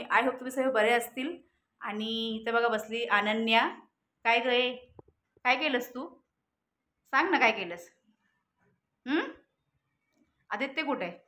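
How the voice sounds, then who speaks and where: A woman's voice: on the high side, bright, forceful tone. A young woman vlogging at home, scolding her children and questioning them about the mess they made. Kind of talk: casual home vlog. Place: home, balcony.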